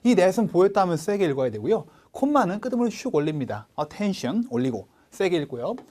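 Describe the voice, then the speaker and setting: Man, online test-prep teacher, bouncy animated pitch, repeat-after-me drills. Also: brisk. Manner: energetic, drills students with call-and-repeat pronunciation. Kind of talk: online lecture.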